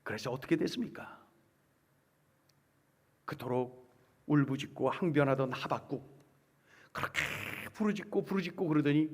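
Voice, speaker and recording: High-voiced emphatic male pastor, long church reverb. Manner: emphatic, rhetorical questions, swings between hushed and loud. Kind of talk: sermon.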